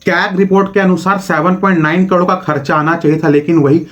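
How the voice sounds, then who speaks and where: A man's voice: high voice, steady tone, fairly quick. A man hosting a political explainer video, giving scripted commentary in an opinionated tone with rhetorical questions.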